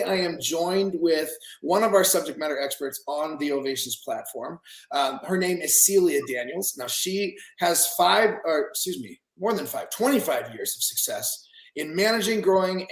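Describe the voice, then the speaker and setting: A man hosting a podcast, enthusiastic and conversational. His voice sits slightly high. The room adds a noticeable echo. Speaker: podcast host. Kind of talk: podcast interview.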